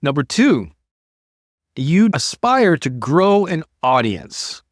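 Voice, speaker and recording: An older man, a motivational creativity coach, hosts a talk for an online audience, speaking conversationally and encouragingly while stressing key words. His slightly high voice is very animated yet slow, recorded in studio quality with no echo.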